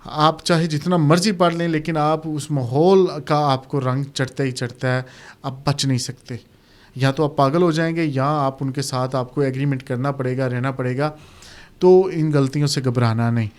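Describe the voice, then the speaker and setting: A man with a Pakistani accent explaining exam criteria in a relaxed, conversational video lesson, mixing in English terms. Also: fairly high pitch. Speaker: exam tutor.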